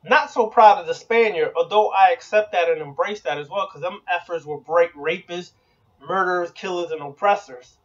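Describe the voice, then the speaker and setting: A man's voice: sits high, normal speed. A man hosting an occult channel, delivering a blunt, emphatic preaching monologue that repeats slogans and is occasionally profane. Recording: dull lo-fi recording.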